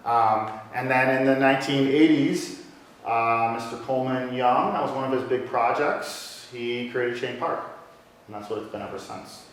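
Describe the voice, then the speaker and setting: A man's voice: mid-range voice, moderate pace, recorded from a distance. A man giving a casual, joking public lecture, chatting with the audience. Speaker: lecturer on local brewing history. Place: lecture room with a live audience. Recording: echoey room, voice from off mic, faint hiss.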